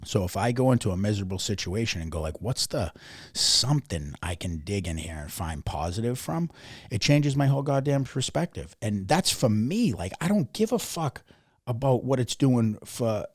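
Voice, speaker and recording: A man in his thirties, a podcast guest telling his story in a candid, blunt way, swearing freely and getting animated. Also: lowish voice, breathy edge, dry recording, clean studio sound. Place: podcast studio.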